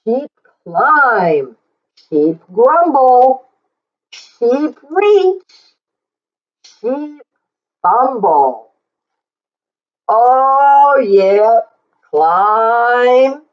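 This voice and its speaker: A woman reads a picture book aloud to children, speaking very slowly and expressively as a storyteller and teacher. Her voice sits on the high side, and she draws out words deliberately and adds explanatory asides. The recording has a lo-fi sound.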